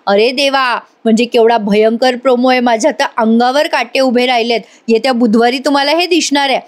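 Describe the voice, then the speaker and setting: High-voiced woman chatting through a recap. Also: a little fast. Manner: chatty, addresses viewers directly; retells scenes by quoting each character. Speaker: TV serial reviewer. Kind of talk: voice-over episode recap. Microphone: voice-over recorded at a mic.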